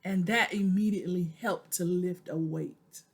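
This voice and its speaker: A woman in her forties speaks in a lowish, breathy voice with fairly even intonation and an unhurried pace. She's recording a personal video diary, addressing viewers directly as "y'all" in an earnest, preacherly way and repeating phrases for emphasis.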